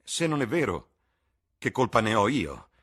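A worldly aristocrat tosses off ironic, amused remarks, as a male reader puts him on. His pitch sits a little raised and moves with a lively range. The tone is husky and dry-witted. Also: a little slow, exaggerated voice. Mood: mocking. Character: mocking, worldly aristocratic gentleman.

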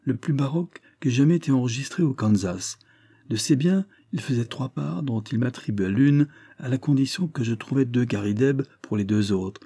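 Man doing a slick con man, earnest and persuasive, husky dry voice. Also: medium pitch, expressive, normal speed, mellow, no echo. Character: smooth-talking adult male con man.

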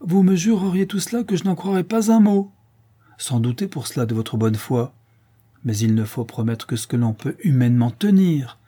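A man voicing a proud, cold widowed marquise in an audiobook, speaking curtly and imperiously, raised well above his own voice, with a dark, husky tone. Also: on the high side, animated, moderate pace, pitched above the performer's own voice. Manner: curt and imperious. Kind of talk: audiobook character reading.

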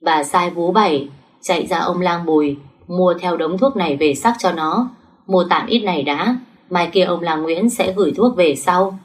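A woman's voice: fairly low pitch, moderate pace, recorded from a distance. A woman narrating a story in the first person, reading the dialogue with small shifts of voice.

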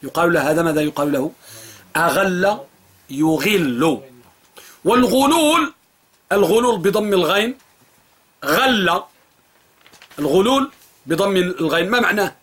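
A man's voice: high voice, expressive, unhurried, long pauses, fairly bright tone, husky. A man teaching a classroom jurisprudence lesson, repeating phrases and quizzing his students. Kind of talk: classroom lesson with drilling questions.

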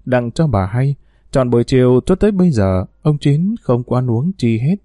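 A timid, deferential servant woman in a spoken story, as a man acts her out. She pleads politely and anxiously. The voice is mellow and recorded dry. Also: mid-range voice, very animated, normal speed, no echo, lightly acted. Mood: pleading. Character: timid, pleading middle-aged female servant.

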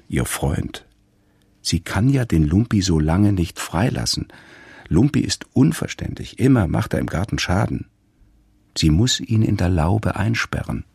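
A man reading a radio story aloud in a calm, measured storytelling manner. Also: rumbling low, gravelly, slightly rough, dry recording. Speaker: narrator.

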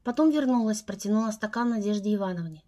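A woman narrating a novel in the first person for an audiobook, in a measured, earnest storytelling voice. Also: medium pitch, lively intonation, mellow.

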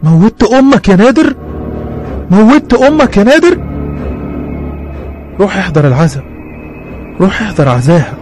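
A man voicing a menacing female apparition who chants slowly and tauntingly. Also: a little high, darkish tone, soft background music, lightly acted.

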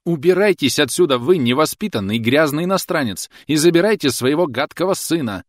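A prim, outraged schoolteacher woman, as a male narrator puts her on, pitched well above his own voice. Her speech swings widely in pitch, shrill and huffy. The recording is dry and close. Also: big pitch swings, fast, no room sound. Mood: furious. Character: prim indignant female schoolteacher.

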